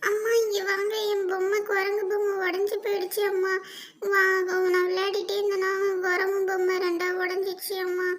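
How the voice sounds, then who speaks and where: A woman's voice: very high voice, monotone, normal speed, a loud crowd, pitched above the performer's own voice. A woman voicing a whiny little boy who begs for toys in a cartoon story, with a whining, pleading manner.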